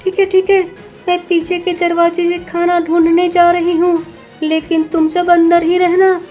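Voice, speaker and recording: A woman's voice: very high voice, monotone, normal speed, warm tone, soft background music. A woman voicing a protective mother cat in a cartoon, soothing her kittens and pleading for mercy. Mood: reassuring.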